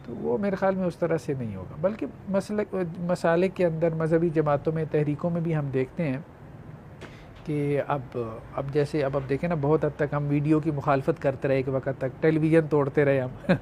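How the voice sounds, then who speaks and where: A man giving measured, conciliatory views in a panel discussion. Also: fairly high pitch, fairly even intonation, warm tone, slight background noise. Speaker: discussion participant.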